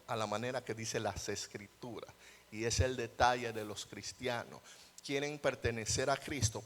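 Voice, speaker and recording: A young adult male pastor preaching a sermon, dropping to quiet asides and rising to loud, high, mocking outbursts. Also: slight background noise. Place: church hall. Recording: long church hall reverb.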